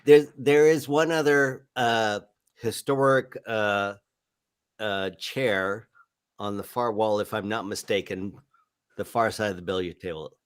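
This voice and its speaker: A man's voice: on the low side, a little slow, clean tone. A man hosting a paranormal livestream remotely from his home setup, talking casually with an easy laugh. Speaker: livestream host.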